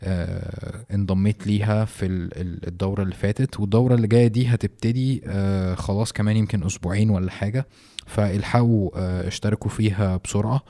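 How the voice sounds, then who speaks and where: Deep-voiced Egyptian man hosting a podcast. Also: fairly even intonation, mellow. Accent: Egyptian Arabic. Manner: halting, hesitant delivery with many drawn-out pauses. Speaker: podcast host. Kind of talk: casual, unscripted podcast talk.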